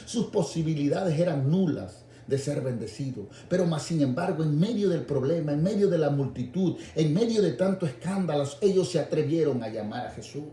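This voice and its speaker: Animated preacher in a roomy echo. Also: male voice, normal speed, hardly any pauses. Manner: swings between low intimate asides and raised, shouted appeals; addresses listeners directly as "hermano". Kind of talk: radio sermon.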